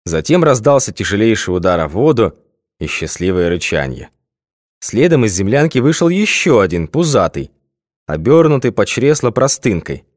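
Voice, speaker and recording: Expressive low-voiced male audiobook narrator. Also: normal speed, no echo, clean studio sound. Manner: expressive, animated reading. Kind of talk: scripted narration.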